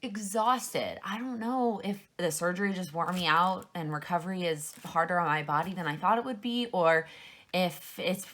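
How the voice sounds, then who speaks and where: A woman's voice: fairly low pitch, normal speed, a bit bright. An American woman talking casually to her vlog audience in an informal, rambling way, often correcting herself as she goes. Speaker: vlogger. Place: indoors at home.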